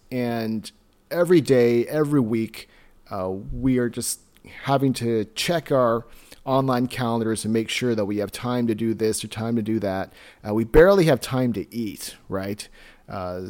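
A man's voice: medium pitch, darkish tone. A middle-aged man talking casually and earnestly as a solo podcast host, in an encouraging way. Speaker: podcast host and tango teacher.

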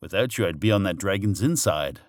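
A man voicing an excitable female witch who calls out in sudden shrill cries. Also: fairly quick, dry recording, clean studio sound. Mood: grateful, chanting.

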